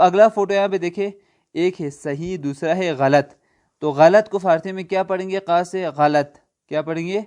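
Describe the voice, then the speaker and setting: Male online language tutor. Clear, resonant voice pitched a little high. Drills vocabulary with repeated quiz questions and slow spelling. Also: darkish tone. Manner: repetitive quiz-style questions and answers; slow spelled-out letter names. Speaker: Persian language teacher.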